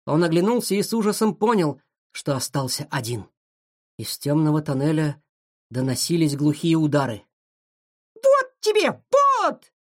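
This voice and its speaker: A narrator reading a children's adventure story aloud with an expressive, animated delivery. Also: mid-range voice, moderate pace.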